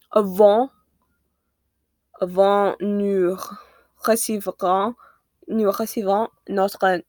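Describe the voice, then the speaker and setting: A seventeen-year-old American woman talks casually to her viewers. Her native English shows in her accent, and she moves at a slow pace, often pausing to search for a word or correct herself. Her voice sits at an ordinary pitch in a dry, echo-free recording. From United States. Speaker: vlogger. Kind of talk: casual chat to viewers in a second language.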